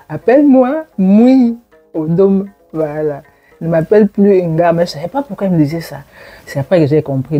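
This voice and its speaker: Speaking low, a forty-something university lecturer from Gabon shares memories of her childhood in a reflective interview. Fillers fill her pauses, and she laughs from time to time while giving personal testimony. The recording is dull.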